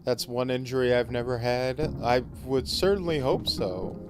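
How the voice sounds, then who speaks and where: A man's voice: mid-range voice, normal speed. A man doing casual commentary as he streams a game. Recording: loud game music and vehicle sound behind.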